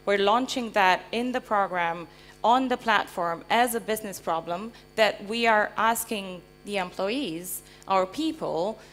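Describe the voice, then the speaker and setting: A woman from Transylvania, Romania, a company founder invited onto a live conference panel, explains things conversationally through anecdotes before an audience, often checking in with rhetorical questions. Her mid-range voice is a bit bright and a little slow. Faint music plays behind her.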